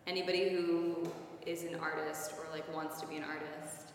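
A woman's voice: low-pitched, flat delivery, normal speed, distant mic, slight background noise. A woman in her twenties, an actress and guest, talking earnestly and casually with a lot of "like". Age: 20s. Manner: chatty, earnest, lots of "like". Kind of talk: casual interview. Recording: very echoey room with long reverb.

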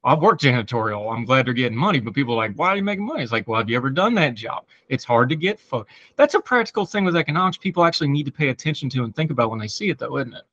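A man's voice: medium pitch, lively intonation, racing, few pauses, a bit bright, no echo. A man with an Appalachian hillbilly accent, chatting casually and in a folksy way as a talk show host, on slightly lo-fi audio. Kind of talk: casual interview chat.

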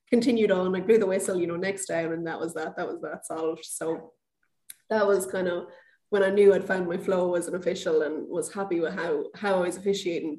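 A woman's voice: lowish voice, mellow, echoey room. A woman telling a refereeing story in a chatty way, acting out the dialogue with lots of fillers. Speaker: guest, former American football referee. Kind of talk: casual anecdotal interview.

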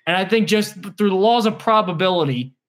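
High-voiced, wry male podcast co-host. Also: expressive, a little fast. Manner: wry, blunt, sarcastic jokes. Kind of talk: casual sports podcast chat.

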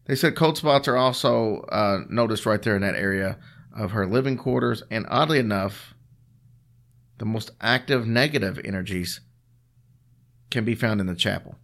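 A podcast co-host tells ghost stories in a casual, chatty exchange, dry and teasing in his manner. His voice is lowish, gravelly, and a bit bright, and he speaks at a moderate pace.

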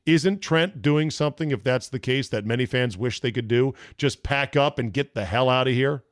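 This laid-back solo podcast features a man in his fifties, a podcast and sports radio host, roaming freely between topics and reading aloud from listener emails. His voice is medium-pitched at a normal speed, in a dry studio-quality recording.

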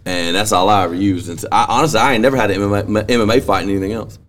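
A man's voice: fairly low pitch, rapid-fire, fairly bright tone. A man with a Southern US accent in casual, joking fight-gym banter on a podcast. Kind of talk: casual locker-room banter.

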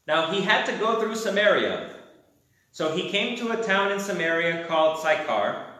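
A man's voice: fairly high pitch, fairly bright tone. Man lecturing in a very echoey room. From America. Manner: asks the class questions, wry asides. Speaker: teacher. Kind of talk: classroom lecture with questions.

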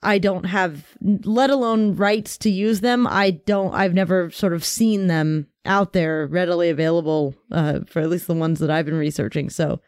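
A woman's voice: on the low side, steady tone, moderate pace, few pauses, a little mellow, smooth, no room sound, clean studio sound. A woman co-hosting a sports podcast in casual, enthusiastic chat, often restarting her sentences.

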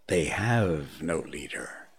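A man doing a cool hushed panther. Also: lively intonation, takes it slowly, slightly rough, heavily acted. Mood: cold. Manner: quiet, low and clipped, near whisper.

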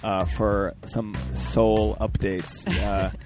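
A man with a smoky, raspy voice hosting a casual interview, rambling and joking at his own expense, recorded outdoors in a park. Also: fairly low pitch, flat delivery, drawn-out words, music in the background. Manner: rambling, self-deprecating, jokey. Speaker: podcast host.

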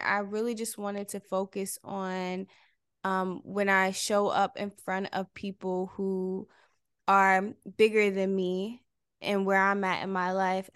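A woman hosting a podcast, asking questions in a halting casual way with many fillers. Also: mid-range voice, clear, resonant tone, dry recording, studio quality. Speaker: podcast host. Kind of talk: casual interview chat.

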